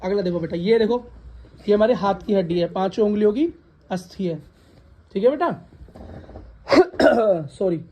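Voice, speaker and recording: Mellow-voiced woman teaching a science class. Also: mid-range voice, normal speed, long pauses. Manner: repeats questions for the class to echo, calls students "beta"; scolds laughing students. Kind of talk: classroom lesson with call-and-response. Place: classroom with students present.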